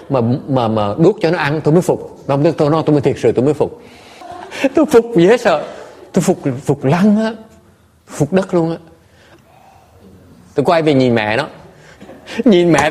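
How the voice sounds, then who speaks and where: A man, a Buddhist monk teacher, telling stories to listeners in an animated, laughing way with many stammered repeats. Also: fairly high pitch, moderate pace, slightly rough. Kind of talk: storytelling talk to listeners.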